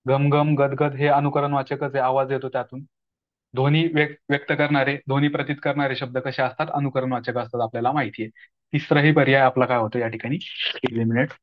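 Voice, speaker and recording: A man's voice: medium pitch, level tone, fairly quick, dull audio. A man with a Marathi accent explaining exam questions in a lecture, often asking his listeners "right?" as he goes. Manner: explanatory, frequent rhetorical "right?" checks. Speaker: Marathi grammar teacher.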